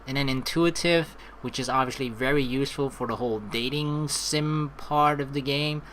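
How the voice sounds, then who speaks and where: At a moderate pace, a male let's play host with a medium pitch and fairly bright tone chats casually through a game, joking, rambling, reading text aloud and swearing occasionally. Background music and slight noise can be heard.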